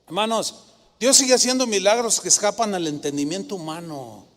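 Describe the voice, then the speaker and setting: A male pastor with a Mexican Spanish accent, preaching a sermon in an animated storytelling way and acting out the voices of people he quotes. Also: high-pitched, brisk, long reverb tail.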